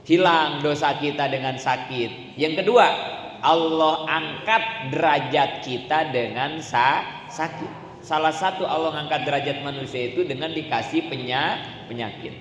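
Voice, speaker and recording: A man's voice: fairly high pitch, a bit bright. A man preaching at a religious study gathering, speaking colloquially with rhetorical questions and a constant "ya". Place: mosque or prayer hall. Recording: echoey hall, slight room noise.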